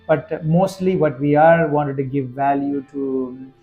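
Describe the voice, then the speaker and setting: A man's voice: a little high, steady tone, unhurried, narrow, tinny audio, faint music behind. A man from Sri Lanka, a guest in an interview, speaking earnestly with frequent fillers and restarts. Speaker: guest, festival director and business owner. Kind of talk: conversational interview.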